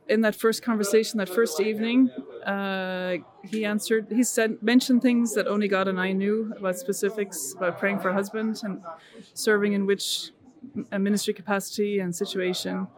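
A middle-aged woman from Ireland, earnestly telling her story as a missionary guest in a conversational interview. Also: medium pitch. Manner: earnest, with frequent restarts and fillers.

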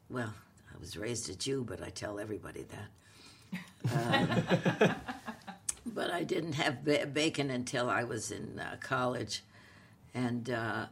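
A woman, talking casually in a halting, wry and playful way as she tells stories. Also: rumbling low, creaky, a little hiss or hum. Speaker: comedic actress, podcast co-host. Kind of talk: casual conversational storytelling.

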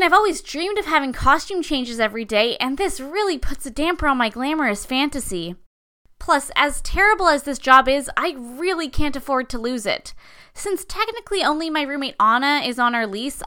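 A woman's voice: high-pitched, animated, a little fast, sharp tone. A woman playing a sardonic young musician. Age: 20s. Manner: wry, sarcastic. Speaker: monologue narrator. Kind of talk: scripted audio drama monologue.

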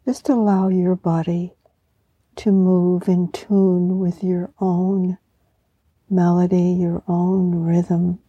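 A serene woman speaks very softly and slowly, with a breathy, near-whispered and very mellow tone. She guides a meditation in soothing, even phrases, recorded close and dry. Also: on the low side, dry recording, highs cut off. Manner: serene, soothing, slow and unhurried. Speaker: podcast host and meditation guide. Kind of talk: guided meditation with poetry reflection.

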